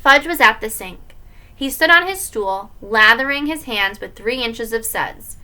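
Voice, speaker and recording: A woman reads a children's chapter book aloud with a bright, lively voice. Her pitch swings widely, and it sits a little high. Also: a little slow. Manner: expressive. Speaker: story reader.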